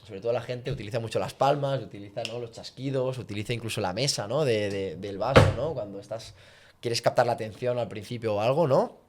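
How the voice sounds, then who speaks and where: Man, communication coach, podcast chat, lively quoted voices. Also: a little fast, heavy background noise. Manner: animated, acts out quoted speech with big pitch jumps. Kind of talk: podcast conversation, teaching.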